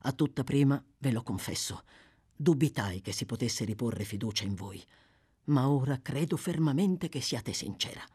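A woman voicing a formal, measured older gentleman in a story reading. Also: very deep voice, animated, husky, pitched below the performer's own voice, heavily acted. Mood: grave.

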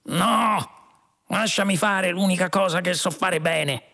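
Man voicing a petulant, sleepy alien rogue for a storybook, pitched higher, gravelly. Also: slow pace, pushed and bright, exaggerated voice. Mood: sleepy grumbling. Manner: whiny and petulant. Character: groggy, grumpy two-headed male alien adventurer.

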